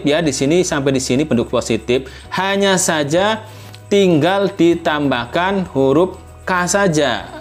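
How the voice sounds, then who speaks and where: Male language teacher, unhurried delivery, rather high voice; patient and repetitive, demonstrates sentences with a strong rising end. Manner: patient, repetitive, checks in with "ya" constantly; models example sentences with exaggerated rising intonation. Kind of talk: explanatory lesson.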